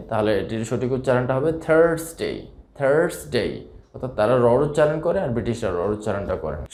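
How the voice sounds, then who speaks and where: Man, pronunciation teacher, repeats words in drills, mid-pitched voice, roomy echo. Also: darkish tone. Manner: slow, repetitive drilling of words. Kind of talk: instructional lesson.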